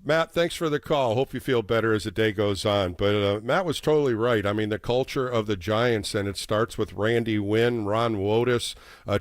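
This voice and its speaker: A man's voice: medium pitch, no echo, studio quality. A man hosting a live sports call-in show, talking casually and addressing callers by name. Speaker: sports radio call-in host.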